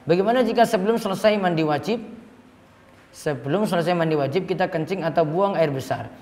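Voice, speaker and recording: A man's voice: high-pitched, brisk, darkish tone. A man giving a religious lecture, reading out listeners' questions and answering them plainly. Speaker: Islamic teacher. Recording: echoey hall reverb.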